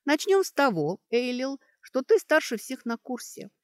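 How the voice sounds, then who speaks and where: A woman reading an audiobook, voicing a sharp-witted young girl student who talks in a brisk, mocking way as she reasons things out. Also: high-pitched, sing-song, dry recording, studio quality, pitched above the performer's own voice.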